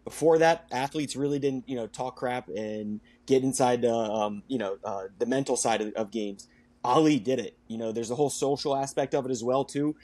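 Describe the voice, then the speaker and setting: A young man co-hosting a casual sports podcast, easygoing and quick to laugh. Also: medium pitch, a little mellow. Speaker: podcast co-host.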